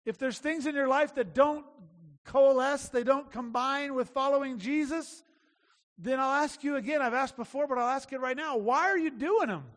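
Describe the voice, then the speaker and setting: High-voiced male pastor preaching in a hall. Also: normal speed, a bit bright. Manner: conversational preaching, emphatic repetition. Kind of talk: sermon.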